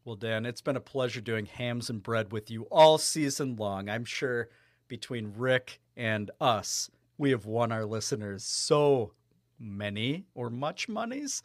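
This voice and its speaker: A man's voice: medium pitch, animated, a little slow, no echo, clean studio sound. A man co-hosting a sports podcast in casual, chatty talk, laughing easily. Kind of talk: casual sports betting chat.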